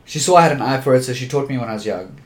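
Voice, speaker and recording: A man's voice: medium pitch, rapid-fire. A man in his twenties from Johannesburg, a photographer being interviewed, introverted and brief in his answers. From Johannesburg, South Africa. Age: 20s. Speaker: guest photographer. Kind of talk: podcast interview.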